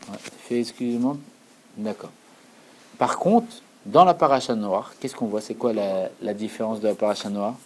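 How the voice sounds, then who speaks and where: Mellow-voiced male Torah teacher. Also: lowish voice, normal speed, a little hiss or hum, rough recording. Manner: earnest, repeats key phrases for emphasis. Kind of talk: explanatory Torah lesson.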